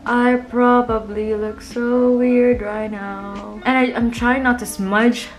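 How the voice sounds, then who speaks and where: A woman's voice: fairly high pitch, flat delivery, takes it slowly, soft background music. A young woman talking viewers through her makeup in a chatty, playful way, as a casual tutorial vlog. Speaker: makeup vlogger.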